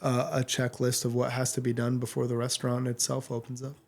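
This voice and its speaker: A man's voice: mid-range voice, monotone, brisk, creaky, darkish tone. A man speaking as a sommelier guest in a casual podcast interview, with a blunt way of talking.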